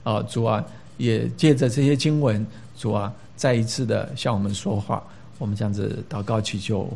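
A man preaching a sermon, reading scripture aloud and praying, stressing words and often pausing with hesitations. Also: mid-range voice, slightly rough. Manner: emphatic, rising for stress, with frequent filler hesitations. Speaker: pastor.

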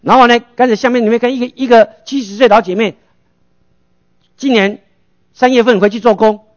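A man's voice: very high-pitched, steady tone, fairly quick, lo-fi sound. A male pastor preaching a sermon, asking rhetorical questions and answering them himself.

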